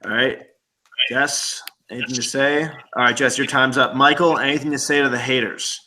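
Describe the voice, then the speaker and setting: A young man hosts a loose group video call from his live stream, teasing his guests and laughing at his own bits. His voice has a clear, bright edge, and he sounds like he is on a video-call mic. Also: medium pitch, steady tone, normal speed, low-quality recording. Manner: joking, laughs often. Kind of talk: casual group video chat.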